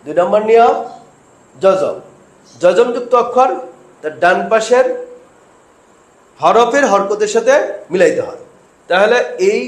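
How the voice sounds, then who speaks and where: A man's voice: high-pitched, reverberant, rough recording. A man teaching Quran recitation step by step, asking questions and answering them himself while he drills syllables.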